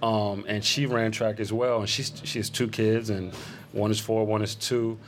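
Low-voiced laid-back man in his thirties. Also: little pitch movement, normal speed, slight background noise. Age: 30s. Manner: laid-back, rambling, frequent fillers. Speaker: guest photographer. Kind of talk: casual podcast conversation. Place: event space.

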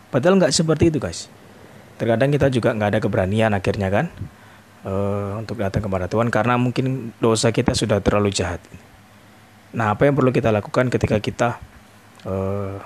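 A low-pitched man speaks in a relaxed devotional style and talks to his listeners as "guys". He pauses often with a hesitant "eh". A faint hiss sits under his voice. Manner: informal, addresses listeners as "guys", frequent "eh" hesitations. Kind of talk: casual devotional talk.

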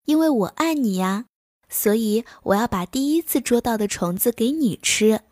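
An eager little crow chick speaks in a bedtime storybook, voiced by a woman. It sounds sweet and keen, with a fairly high voice and a dry, close sound. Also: expressive, moderate pace, a little mellow, no room sound.

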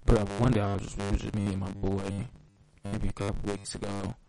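A young adult man co-hosting a podcast, telling stories in a lively, slangy casual chat. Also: fairly low pitch, a little fast, over music, low-quality recording. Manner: animated, slangy storytelling. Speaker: podcast co-host.

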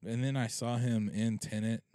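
A man's voice: medium pitch, level tone, normal speed, warm tone, no room sound, studio quality. A young man hosting a podcast, chatting casually and teasing his friends in a laid-back way, with lots of filler words. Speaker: podcast host. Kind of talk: casual chat.

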